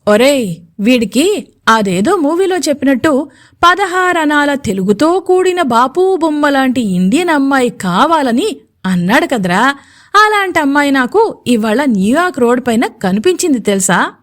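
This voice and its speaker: A woman voicing an excitable young male friend in an audio story, shouting and eager. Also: on the high side, normal speed. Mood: excited.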